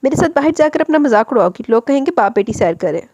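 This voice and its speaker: A woman putting on a wealthy older husband, patient and gentle, with a tired softness. Her carries into his lines. The voice is close and dry. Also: sits high, sing-song, quick pace, dry recording, pitched above the performer's own voice. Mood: teasing. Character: older rich husband, calm and patient man.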